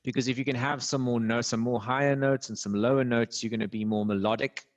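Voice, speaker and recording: A man speaking as a guest on a podcast, sharing voice-training advice with animated energy. His delivery swings in pitch and volume for emphasis. He talks like a working voice actor who is coaching the listener. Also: fast. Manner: explanatory, animated, laughs easily. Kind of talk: conversational interview.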